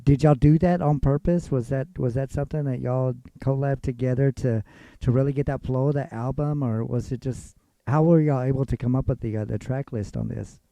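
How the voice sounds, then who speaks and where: Mellow-voiced man hosting a radio interview. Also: medium pitch, fairly quick, vocal fry, no echo. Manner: loose, filler-heavy talk. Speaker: radio show host.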